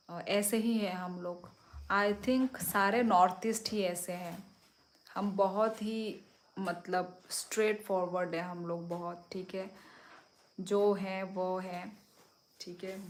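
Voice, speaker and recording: Middle-aged woman, unhurried livestream chat, phone mic at home. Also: mid-range voice. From Tripura, India. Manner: slow, easygoing, answers viewers one by one. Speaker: livestream host. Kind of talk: casual live chat reading comments. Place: home at night.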